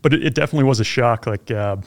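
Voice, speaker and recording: A man in his forties, a podcast guest who grew up overseas, telling his life story in a relaxed, conversational way that turns animated when he gets excited. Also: mid-range voice, rapid-fire. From grew up abroad (Belgium, Zimbabwe, Pakistan), then Florida. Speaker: podcast guest, former Army helicopter pilot. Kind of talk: casual interview storytelling.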